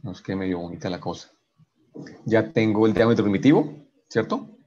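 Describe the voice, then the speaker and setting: A man with a lowish, darkish voice teaches an engineering class online at a normal speed, over lo-fi audio. The professor works through equations step by step, often restarting sentences and asking "right?" after each step.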